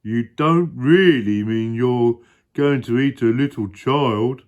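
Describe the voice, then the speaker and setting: A man's voice: mid-range voice, slow, a little mellow, highs cut off, voice pushed up, close to an everyday voice. A man voicing an indignant, disapproving hippopotamus in a children's storybook, exclaiming and scolding. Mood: horrified, scolding.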